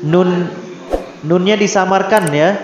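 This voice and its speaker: A man teaching a Quran recitation class in a mosque hall, patiently correcting students and modeling letter sounds slowly. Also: high voice, background noise. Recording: echoey hall, dull lo-fi sound.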